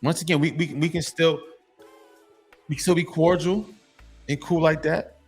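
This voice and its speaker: Speaking to fathers, this vlogger gives an emotional, motivational message in a fairly high, steady voice at a moderate pace, over soft background music. Preachy and emphatic, he frequently restarts and repeats himself and sometimes becomes tearful.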